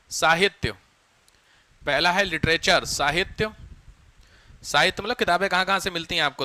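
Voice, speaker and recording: A man teaching a class, his high voice carrying a bright, forceful edge. He keeps firing quick questions at his students and answering them himself. The sound is dry and close, with no room echo. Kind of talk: classroom lecture.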